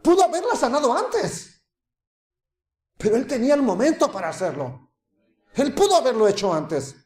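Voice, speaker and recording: A man preaches with a fairly high voice, moving from lively, laughing impressions of doubters to near-hushed asides. The recording carries a noticeable roomy echo. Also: moderate pace. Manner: animated, acts out crowd voices with laughter, drops to soft hushed tones. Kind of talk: sermon.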